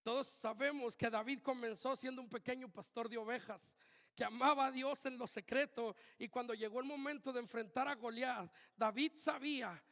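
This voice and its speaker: A man preaching a sermon as pastor, swinging between loud urgent calls and quiet asides. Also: extremely high pitch, normal speed. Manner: animated preaching, shifts from shouting to quiet asides. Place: church hall. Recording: long hall reverb.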